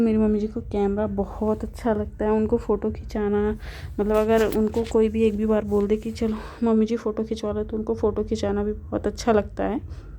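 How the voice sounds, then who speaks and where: A woman's voice: medium pitch, mellow. A young woman narrating her family vlog in a casual, chatty way. She often repeats herself and laughs lightly as she talks. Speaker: family vlogger.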